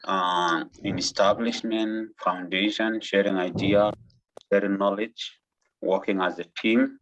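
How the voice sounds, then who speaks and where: A middle-aged man with a Sudanese accent introduces himself in an online interview, earnest and halting, often rephrasing as he goes. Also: fairly low pitch, fairly even intonation, a bit bright, poor audio. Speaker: interview candidate, doctoral student.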